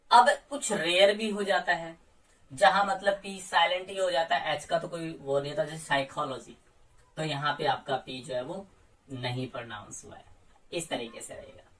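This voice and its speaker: A man teaching English pronunciation in a coaching lesson, patiently saying example words slowly one by one. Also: fairly high pitch, bright, forceful tone. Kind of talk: explaining silent letters in a lesson. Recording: voice a little far from the mic.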